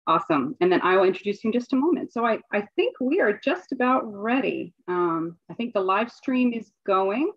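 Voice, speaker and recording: A woman's voice: medium pitch, animated, moderate pace, hardly any pauses, no echo, lo-fi sound. A woman and assistant dean hosting an online event in a chatty way, with fillers and restarts, over a video call.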